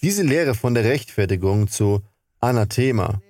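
A man interprets a sermon, calm and earnest in his delivery. The recording is close and dry, with no room echo. His pitch sits in the middle range. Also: normal speed.

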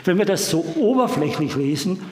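A man's voice: high-pitched, expressive, moderate pace, a little mellow. A man preaching a sermon emphatically, putting questions straight to his congregation. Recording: roomy hall with long reverb.

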